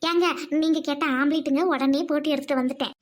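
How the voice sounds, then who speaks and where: A woman voicing a fed-up cartoon housewife who fights back, with fast, sharp scolding. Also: sits high, steady tone, natural voice. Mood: sweet. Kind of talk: cartoon voice acting.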